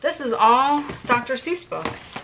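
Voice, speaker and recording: Lady in her 30s slowly chatting through a storage unit haul, dry little jokes, loud clanking stuff all around. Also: high-pitched, sing-song, noisy background. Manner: chatty, wry asides, thinking aloud. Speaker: storage unit reseller vlogger. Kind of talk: casual narration while sorting items. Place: metal storage unit, indoors.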